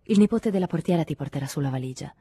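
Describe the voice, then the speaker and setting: A woman's voice: low-pitched, lively intonation, very fast, dark tone, slightly rough, no echo, heavily acted. A woman voicing an anxious, clinging woman who talks to her lover in an earnest, pleading way in an audiobook reading.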